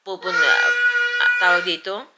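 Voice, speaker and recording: A woman from the Philippines, a mother and vlogger, telling a story in a chatty, animated way to her camera at home. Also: mid-range voice, normal speed, shouting. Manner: chatty, animated retelling with acted-out quotes. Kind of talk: casual vlog storytelling. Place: home indoors. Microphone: camera mic. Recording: home video with noticeable background noise.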